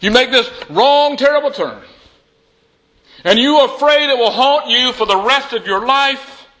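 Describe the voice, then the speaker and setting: Very high, bright-voiced male preacher. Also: measured pace, rough recording. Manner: storytelling preacher with a repeated call-and-response refrain; emphatic, building from soft to shouting. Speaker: pastor. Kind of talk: Easter sermon.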